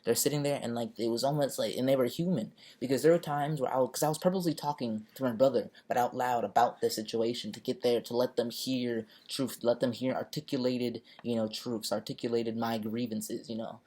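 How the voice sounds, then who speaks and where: A man's voice: medium pitch, steady tone, a little fast, few pauses, a little mellow. A young man telling a raw personal story on his vlog, with emphatic, profane delivery. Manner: emphatic, profane storytelling that acts out the people in the scene. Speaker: vlogger. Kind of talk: raw personal retelling of a protest.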